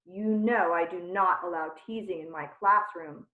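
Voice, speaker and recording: A woman voicing a quirky male teacher who lectures his class gently and firmly, in a children's storybook. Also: on the low side, lightly acted. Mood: lecturing. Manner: measured, lecturing. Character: odd, fussy male teacher, calm and gentle. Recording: tinny phone-like sound in a roomy space.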